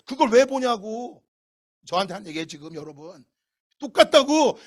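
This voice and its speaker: A middle-aged male pastor preaching a sermon in a lively way, breaking into shouts and acting out quotes. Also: very high-pitched.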